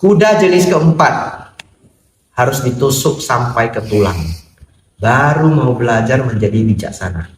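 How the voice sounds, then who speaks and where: Man giving a lively Buddhist sermon. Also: medium pitch, a little slow. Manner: lively storytelling, acts out dialogues, jokes with audience. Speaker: Buddhist monk. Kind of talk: Dhamma sermon. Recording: roomy echo, distant mic, faint noise.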